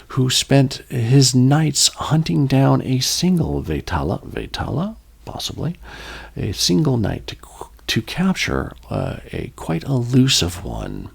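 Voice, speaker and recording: A man with a low, gravelly voice hosts a podcast and talks through old legends in a loose, conversational way. His delivery swings widely in pitch, and he keeps breaking off for wry asides and to fix his own words. He sounds like a relaxed storyteller rather than a reader. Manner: rambling, joking asides, self-corrections. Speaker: podcast host. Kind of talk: casual folklore storytelling.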